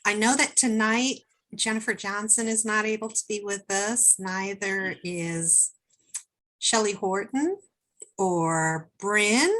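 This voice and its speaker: A woman's voice: medium pitch, slow, a bit bright, low-quality recording. A woman hosting a networking video call, giving an upbeat, chatty welcome with frequent fillers. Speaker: host, networking group leader. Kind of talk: welcoming meeting introduction.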